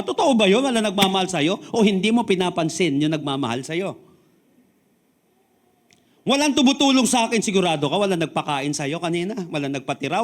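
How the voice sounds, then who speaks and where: A man with a Filipino accent preaching a sermon as pastor, moving between Tagalog and English and swinging from loud emphatic peaks down to quiet, low drops.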